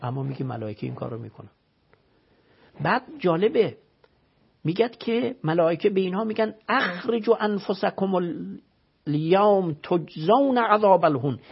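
A man's voice: a little high, expressive, vocal fry, husky, dull audio. A man, a religious scholar, giving an emphatic explanatory talk full of rhetorical questions and recited scripture, heard on a radio broadcast.

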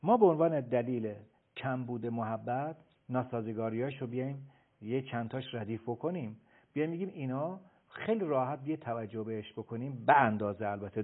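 A man explaining as a guest expert on a radio talk show, emphatic and lecturing, often pausing on filler sounds. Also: mid-range voice. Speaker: guest expert on child behavior. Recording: phone-like radio broadcast.

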